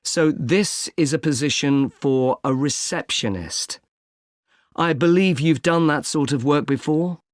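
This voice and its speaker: A man playing a polite employment agency consultant in a scripted exam dialogue, speaking in a measured way and spelling words out slowly. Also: fairly high pitch, no room sound, studio quality, natural voice. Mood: calm. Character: helpful male recruitment agent, patient and polite.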